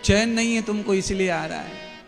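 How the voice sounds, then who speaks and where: A man giving a devotional discourse as a spiritual preacher, telling a story in an animated way and acting out the voices of the people in it. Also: high-pitched, normal speed, gravelly. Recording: long reverb with faint music.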